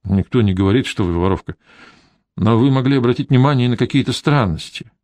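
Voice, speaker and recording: A man reading an audiobook, voicing a persistent male private detective who questions calmly and insistently. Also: medium pitch, brisk, no echo, clean studio sound, natural voice.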